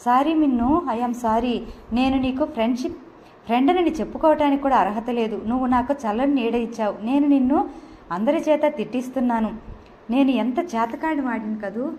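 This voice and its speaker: A woman's voice: fairly high pitch, brisk, dark tone, lightly acted. A woman voicing a distraught male doctor who broods and complains at length, in an audio novel reading. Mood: despairing.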